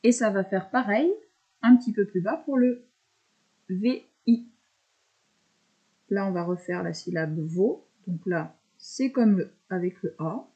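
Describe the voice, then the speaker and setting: A woman teacher calmly talking young pupils through handwriting, step by step, with patient explanations. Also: mid-range voice, poor audio. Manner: slow step-by-step verbalizing, patient.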